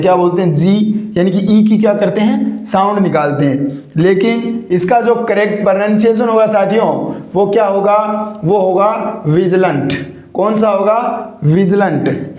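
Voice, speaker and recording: A man's voice: high-pitched, darkish tone. A male teacher with a Hindi accent gives a vocabulary lesson, asking rhetorical questions, answering them himself and repeating each word. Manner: keeps addressing listeners as "companions". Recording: echoey, dull lo-fi room recording.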